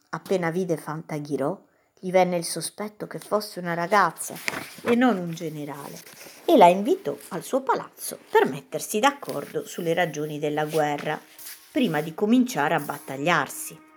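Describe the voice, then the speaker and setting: A woman reading a fairy tale aloud as a storyteller, expressive, with dramatic pauses. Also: lowish voice, slight background noise.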